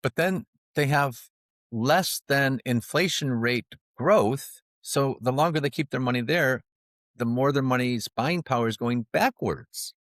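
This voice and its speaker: A financial advisor appears as a guest on a storytelling podcast interview, spinning animated stories full of jokes and laughing at his own lines. His mid-range voice moves unhurriedly. The recording is dry and studio quality.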